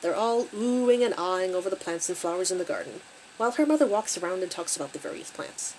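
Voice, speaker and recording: A woman's voice: lowish voice, animated, fast, darkish tone, rough recording. Lady retelling a creepypasta show, chatty and wry, voice going up and down a lot, faint room hum. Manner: wry, conversational asides. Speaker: channel host and story reader. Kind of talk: recapping a creepy story with asides.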